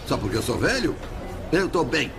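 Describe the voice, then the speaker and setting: A grumpy old Brazilian man, swooping pitch. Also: big pitch swings, moderate pace, creaky. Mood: grumpy, defensive. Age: older. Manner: grumpy, curt, dismissive. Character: grumpy old male hospital patient, stubborn and distrustful. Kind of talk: dubbed medical documentary re-enactment. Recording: music behind the voice.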